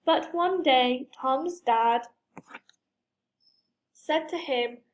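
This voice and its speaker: A woman reading a children's story aloud, expressive and playful with sound words. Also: high-pitched, extremely slow.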